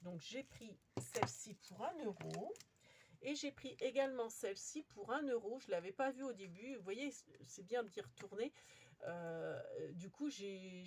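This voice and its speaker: This is a woman chatting through a craft haul video, easygoing and rambling. She fills her talk with little hesitations and restarts as she shows each find. Her pitch sits in an ordinary middle range. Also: slight background noise. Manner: chatty, many fillers and restarts. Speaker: crafting vlogger. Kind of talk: casual show-and-tell haul.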